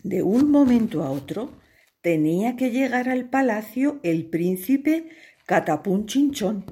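Slow, playful woman storyteller. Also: medium pitch, expressive, dark tone, husky. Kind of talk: children's story narration.

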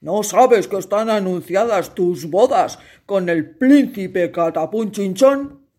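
A woman voicing a stern old king who scolds loudly. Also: mid-range voice, animated, takes it slowly, breathy edge. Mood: scolding. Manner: loud and scolding.

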